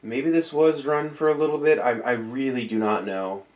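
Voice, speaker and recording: A man speaks at a medium pitch, steady and at normal speed, casually showing a ceiling fan from his collection in a show-and-tell vlog shot on a tripod-mounted camera. Sounding slightly nasal and tired after dental work, he rambles hesitantly and restarts many times.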